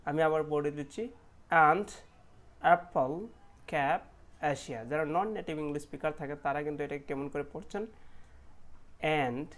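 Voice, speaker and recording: An English pronunciation teacher giving a lesson, repeating example words slowly and firmly and often checking that learners follow. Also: medium pitch.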